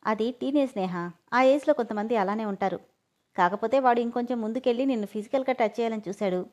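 A teasing, easygoing young man, read by a woman storyteller. He talks to his friend in a relaxed, mocking way, and the voice sits fairly high. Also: fast talker, close to an everyday voice.

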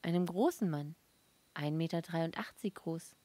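A dreamy, wistful young Martian wife , voiced by a woman reading aloud, who recounts her dream with eager wonder. Her voice is lowish and close, with a dry sound. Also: unhurried, dark tone, dry recording, lightly acted.

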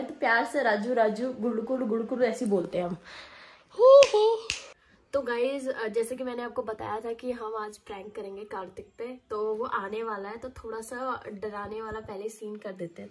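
A woman's voice: a little high, fairly even intonation, moderate pace, few pauses. A young woman chatting casually to her vlog viewers, giggly and laughing as she talks. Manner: chatty, giggly, often laughing while talking. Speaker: vlogger.

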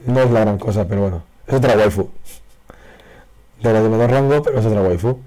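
A low-voiced man, hoarse and losing his voice, opens card packs fairly quickly for his card game channel. The commentary is casual but excitable, with loud reactions to pulls, and his microphone is broken.

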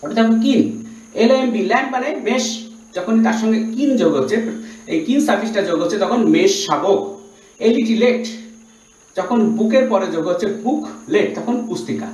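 A teacher giving a grammar lesson, explaining step by step and spelling out words letter by letter. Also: mid-range voice. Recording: echoey room, voice from a distance.

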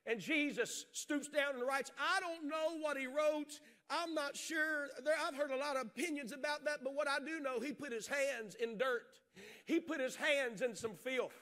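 A middle-aged man preaching an impassioned sermon on a large church stage, swinging from shouts to hushed storytelling. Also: very high-pitched. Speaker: pastor.

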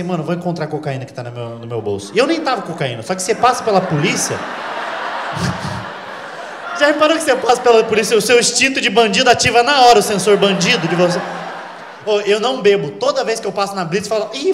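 High-voiced stand-up comic in an echoey club. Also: male voice, slight background noise. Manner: animated, acts out quoted voices, crude slang. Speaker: stand-up comedian. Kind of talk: stand-up storytelling. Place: comedy club stage. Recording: echoey live club with laughter.

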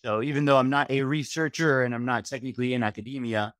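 A man's voice: medium pitch, quick pace, no room sound. Middle-aged male guest, easygoing, rambling lists, headset on a video call, dry close sound. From Miami, USA. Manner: relaxed, rambling lists with frequent fillers. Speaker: guest, registered dietitian. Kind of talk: casual interview chat. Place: home room, video call.

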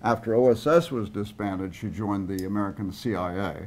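Low-voiced older man, museum expert. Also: brisk, darkish tone. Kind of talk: interview. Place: indoor museum.

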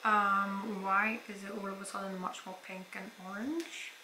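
A woman's voice: medium pitch, little pitch movement, measured pace, noisy background. A woman chatting casually in her bedroom as she films a vlog, swearing freely and mocking herself. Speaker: vlogger.

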